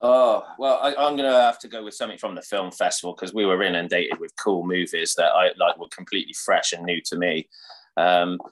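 A man with a very deep voice talks warmly and keenly about films, padding his sentences with 'sort of' and 'like'. His delivery is loose and conversational, searching for words as he goes. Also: steady tone, brisk, poor audio. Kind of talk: casual chat.

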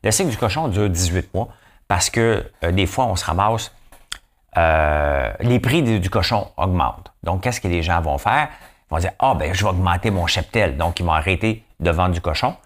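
Lively, low-voiced Québécois man. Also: normal speed. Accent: Québécois French. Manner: playful, chatty, keeps asking "hein?". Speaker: podcast host. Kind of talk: casual commentary.

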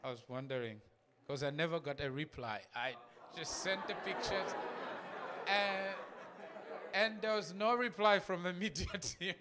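A man's voice: sits high, measured pace, a crowd in the background. A man from Zambia, a missionary guest speaker, giving a casual church talk with pictures, repeating words and laughing in asides.

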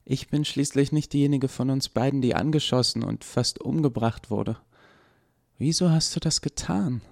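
A man's voice: mid-range voice, normal speed, gravelly, darkish tone, pitched above the performer's own voice, lightly acted. A man voicing a curious, blunt young woman in hospital who asks direct, puzzled questions.

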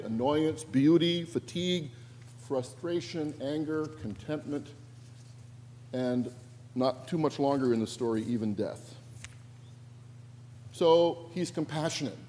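A man preaching a sermon as pastor, telling stories with animated quoted voices and touches of humor. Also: a little high, a little hiss or hum. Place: church sanctuary. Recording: long reverb of a church sanctuary.

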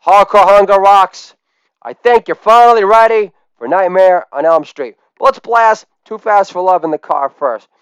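A man in his forties, a comedian, telling a comic story in a loud monologue with shouted catchphrases. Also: high voice, normal speed, clean tone, no echo. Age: 40s.

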